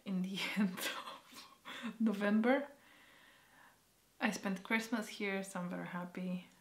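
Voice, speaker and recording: A young woman talks slowly to her camera in a personal vlog update. She is hesitant and halting, and she often trails off into soft, breathy near-whispers. Her pitch sits in an ordinary middle range. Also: fairly even intonation. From Poland. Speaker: vlogger.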